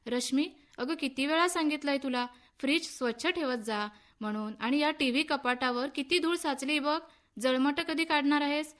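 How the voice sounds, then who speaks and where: A woman's voice: sits high, fairly bright tone. Woman reading as an angry, complaining young husband. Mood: scolding. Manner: complaining, quick to anger. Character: irritable, egotistic young husband.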